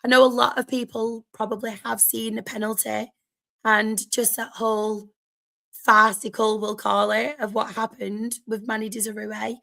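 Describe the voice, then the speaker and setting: A woman's voice: on the high side, flat delivery, normal speed, creaky, pushed and bright. A woman with a sore, strained throat, chatting casually to viewers as host of a football fan livestream.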